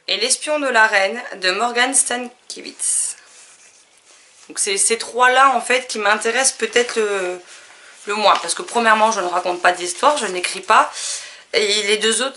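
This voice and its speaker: Bright-voiced woman chatting about books. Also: on the high side. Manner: chatty, lists titles with frequent fillers. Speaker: book vlogger. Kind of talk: casual book haul chat.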